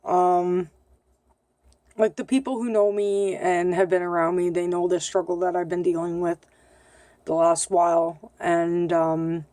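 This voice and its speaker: A woman's voice: lowish voice, little pitch movement, a little slow, dark tone, no room sound. A woman in her thirties speaking in a candid, hesitant video diary, full of ums, with a slight lisp. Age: 30s. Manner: hesitant, lots of ums, candid and self-conscious. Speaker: vlogger.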